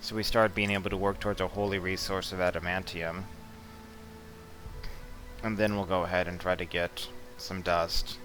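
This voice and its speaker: A man giving relaxed, blunt commentary while walking through a strategy game, with mildly profane asides. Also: low voice, moderate pace, soft background music. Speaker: strategy game guide presenter. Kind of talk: casual gameplay commentary.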